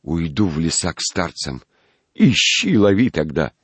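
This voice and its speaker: A man's voice: low-pitched, very animated, unhurried, breathy edge, no room sound, heavily acted. A man reading a storybook aloud, playing a jealous, bitter young peasant recruit who talks in a sulky, trembling way. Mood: reckless sulky.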